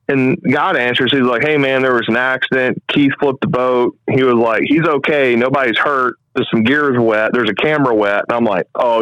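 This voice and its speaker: Casting: man from the Midwest, animated storyteller, dry close sound, slightly dull audio. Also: mid-range voice, dry recording. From American Midwest. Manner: animated, quick storytelling with acted-out quotes. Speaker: podcast host telling a hunting story. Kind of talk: casual storytelling.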